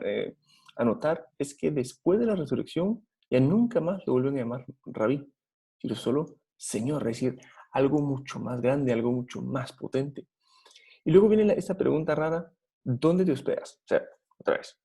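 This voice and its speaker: A man's voice: on the high side, vocal fry, mellow, husky. A man with a Guatemalan Spanish accent preaching a Bible study sermon, earnest and putting rhetorical questions to his listeners.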